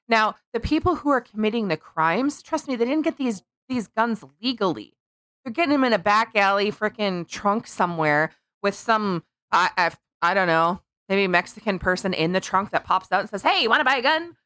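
A woman's voice: medium pitch, normal speed, fairly bright tone, no echo. A woman hosting a podcast, chatting in a giggly, rambling way. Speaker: podcast host. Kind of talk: casual comedic chat.

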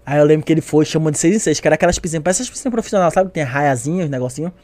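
Young man, high voice, quick talk, dry sound, animated storyteller. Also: no room sound. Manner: animated, acts out voices, lots of slang. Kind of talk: casual storytelling.

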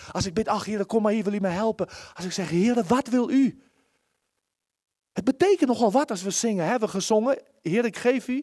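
Man, sermon, earnest and pleading, high voice, dry close sound. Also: dry recording. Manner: earnest, pleading, with frequent restarts and shifts between loud and soft. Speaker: preacher. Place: church service, small room.

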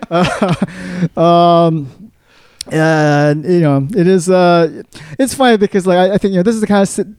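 A man's voice: sits high, steady tone, unhurried, a little mellow, smooth, dry recording, clean studio sound. A man co-hosting a casual podcast chat, rambling with lots of fillers and frequent laughs. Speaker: podcast co-host.

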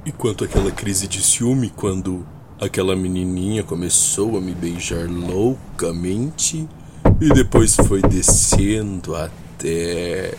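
Sly male vampire, played by a man, lowish voice, teasing, flippant, radio drama, noisy recording. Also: slow. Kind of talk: radio soap opera acting.

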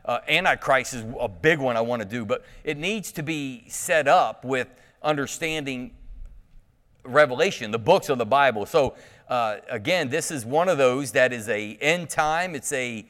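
A man preaching at a pulpit microphone in a church, talking in a casual, animated way and teasing the congregation. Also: medium pitch, normal speed. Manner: animated and joking, teasing the congregation, with frequent restarts. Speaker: pastor. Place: church sanctuary. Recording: long church hall reverb.

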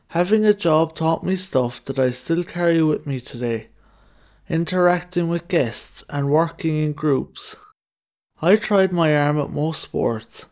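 Young Kerry Irishman narrating, slightly higher voice. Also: darkish tone. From Ireland. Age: young adult. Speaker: documentary narrator telling own story. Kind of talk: scripted first-person narration. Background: music.

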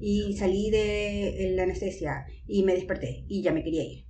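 An Ecuadorian woman telling family stories in a casual chat with her sister, animated and acting out the voices of the people in her stories. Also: mid-range voice, normal speed, slight background noise. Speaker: podcast co-host. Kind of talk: casual storytelling between sisters.

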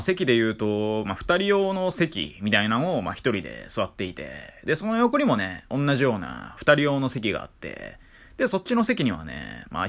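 Man, Kansai accent, streamer storytelling, wildly swinging pitch, wry and chatty. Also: a bit bright. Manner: chatty, wry, peppered with fillers. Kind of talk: casual storytelling monologue.

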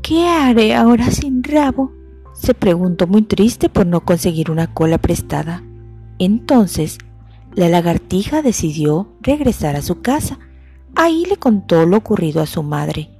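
A woman narrating a children's bedtime story in a gentle, expressive way. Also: lowish voice, measured pace, husky, faint music behind.

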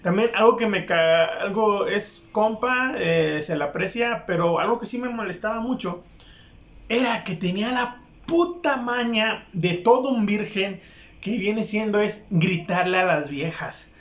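Mexican man, young, crude mocking storyteller, high voice, echoey lo-fi room. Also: unhurried, a bit bright. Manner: crude, profane and mocking, with frequent laughs. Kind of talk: casual anecdote monologue. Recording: echoey room, dull lo-fi sound.

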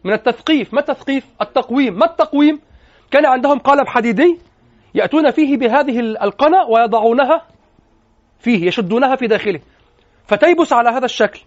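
A man with an Egyptian accent giving a lecture on classical poetry, animated, often asking his listeners questions and switching into colloquial speech. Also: extremely high pitch, quick pace. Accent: Egyptian Arabic. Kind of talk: lecture to students. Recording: dull lo-fi lecture recording.

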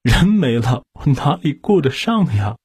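A male narrator voicing a scheming middle-aged husband who speaks low and guarded, faking grief. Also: big pitch swings, a little slow, darkish tone, husky, no room sound, clean studio sound, heavily acted. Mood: subdued.

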